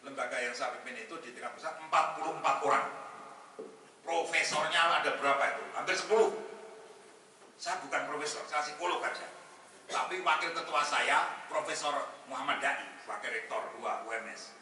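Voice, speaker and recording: A man's voice: fairly high pitch, moderate pace, far from the mic. A man giving a humorous religious talk to a gathering, joking with the audience and quoting Arabic verses. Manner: jokey, lively, mixes Arabic verses with banter. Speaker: head of a national Muhammadiyah institute, guest speaker. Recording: echoey hall, voice from afar, faint noise.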